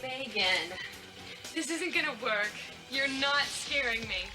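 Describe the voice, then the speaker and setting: An actress playing a bubbly, excitable young woman at a sleepover. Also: high-pitched, takes it slowly, over music. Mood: chirpy.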